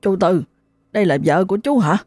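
A woman voicing an older male village chief who speaks in a brisk, commanding way. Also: mid-range voice, lively intonation, a little mellow, no room sound, studio quality, close to an everyday voice. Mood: grave.

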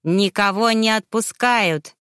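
Woman doing a bratty noble boy, sneering and haughty, mid pitch, dry storybook reading. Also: slow, fairly bright tone, clean tone, no echo. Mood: gloating. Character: spiteful young boy heir, arrogant and cruel.

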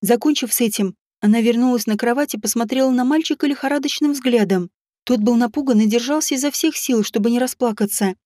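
A woman narrating a fantasy audiobook in an expressive storytelling manner. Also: fairly high pitch, quick pace, no echo, clean studio sound. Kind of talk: scripted narration.

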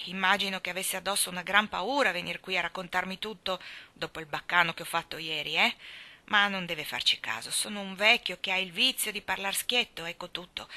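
A woman voicing a blunt, gruff old male farmer who speaks his mind plainly. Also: lowish voice, sharp tone.

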